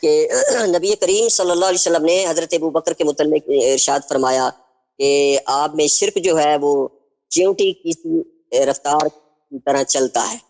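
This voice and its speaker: A man calling in to a live show, arguing back in a measured, defensive way. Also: a little high, a little mellow. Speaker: caller. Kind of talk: heated live debate.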